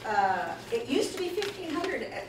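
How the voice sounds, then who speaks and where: Speaking at normal speed in a fairly high voice, a woman addresses a seated conference audience, animated and emphatic, chatting with asides and taking their questions. The recording, made by a far camera in the audience, is noisy with an echoey room sound.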